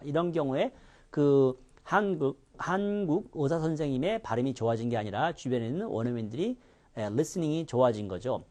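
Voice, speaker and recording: A man teaching pronunciation in a lecture, demonstrating each sound with exaggerated contrasts. His voice sits in a middle register and swings widely in pitch as he explains. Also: a little mellow. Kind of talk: recorded lecture.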